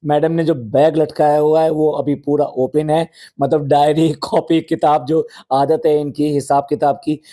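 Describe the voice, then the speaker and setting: A man's voice: on the high side, flat delivery, measured pace, hardly any pauses, mellow. A man hosting a commentary podcast, scolding and mocking the people in the videos and repeating phrases for effect. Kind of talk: sarcastic commentary on vlogs.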